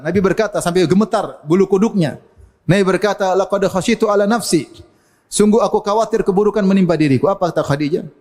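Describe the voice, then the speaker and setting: High-voiced preacher in a reverberant hall. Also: male voice, darkish tone. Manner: storytelling with humor, acting out quoted people. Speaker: Islamic preacher. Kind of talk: sermon.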